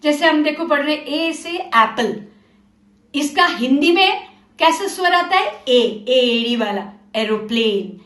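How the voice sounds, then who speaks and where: A woman with a high voice teaches a children's literacy lesson, drawing out her words slowly and deliberately. She prompts learners with questions and gives them time to pause and think. The room around her sounds roomy and echoey. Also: animated, a bit bright. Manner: slow, deliberate, drawn-out words for young learners. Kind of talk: children's literacy lesson, mixing Hindi and English. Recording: roomy echo.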